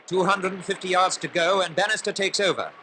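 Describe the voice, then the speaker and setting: A man narrates in the manner of an old newsreel, his voice set a little high and sharply bright. He calls the action formally and briskly, pressing harder as the race unfolds. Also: a little hiss or hum. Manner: brisk, formal, building excitement in play-by-play. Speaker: newsreel commentator.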